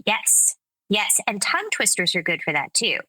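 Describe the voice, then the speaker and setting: A woman speech coach explaining her methods in a measured, explanatory way during a conversational interview. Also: mid-range voice, very animated, sharp tone, no room sound, poor audio. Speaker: speech coach and accent specialist.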